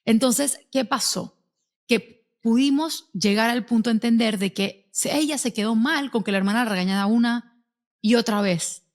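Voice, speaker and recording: Animated woman host telling stories. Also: fairly high pitch, normal speed. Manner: animated storyteller. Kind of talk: casual interview chat.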